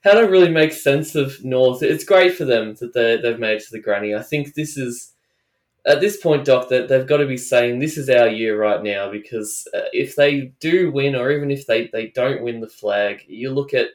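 An Australian man co-hosts a relaxed sports podcast, pausing and restarting as he works through his thoughts. His voice sits at an ordinary pitch. The room around him is echoey. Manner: hesitant, thinking aloud, leads the segment. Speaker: podcast co-host. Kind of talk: casual sports chat. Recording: roomy echo.

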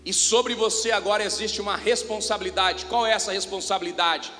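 A man preaching a sermon, slowing down on scripture quotes and rising to shouts for emphasis. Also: high voice, a little hiss or hum. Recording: long reverb of a large hall.

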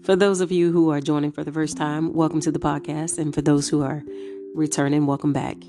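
A woman's voice: low-pitched, flat delivery. Congested middle-aged woman hosting a podcast. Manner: unhurried, with frequent ums. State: congested from a cold. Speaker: podcast host. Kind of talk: casual solo podcast talk. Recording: guitar music playing behind the voice.

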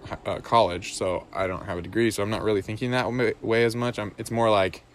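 A man's voice: lowish voice, steady tone, quick pace, a little hiss or hum. A young man in casual podcast chat, thinking aloud and rambling with many fillers and restarts.

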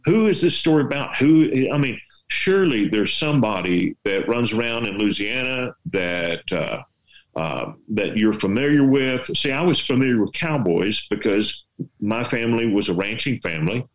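In a rough recording, a West Texas man with a Texas accent talks casually about storytelling, rambling in a folksy way and asking plenty of rhetorical questions. He's a veteran storyteller and artist handing out writing advice. His voice is medium-pitched, with lively intonation and a normal speed.

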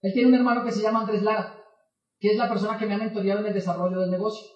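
A man's voice: high voice, racing, reverberant, recorded from a distance. A man telling a personal story to an audience as a motivational speaker, acting out both sides of the conversations. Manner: animated, acts out both sides of dialogues.

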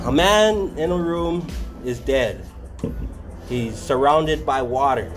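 A man's voice: mid-range voice, expressive, slow pace, soft background music. A man with speech shaped by missing front teeth, joking boisterously and swearing as he trades riddles casually with friends.

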